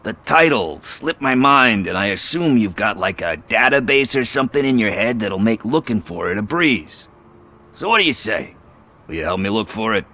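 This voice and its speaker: This game-dialogue performance features the same sort of scruffy street informer, now cajoling, in a full character voice. His somewhat low voice has a bright, forward edge, and he talks expressively at normal speed, chatty and sardonic, tossing slang around with wry ease.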